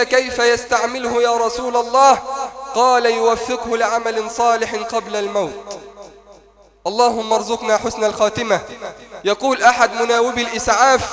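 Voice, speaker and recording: A man preaching a sermon in a mosque, telling a moving story and rising to impassioned near-shouting. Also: very high voice.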